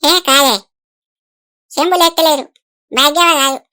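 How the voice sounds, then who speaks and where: A woman's voice: high-pitched, steady tone, unhurried, pushed and bright, no room sound, studio quality. A woman voicing a bossy, boastful village diviner in a cartoon, speaking with a Telangana Telugu accent.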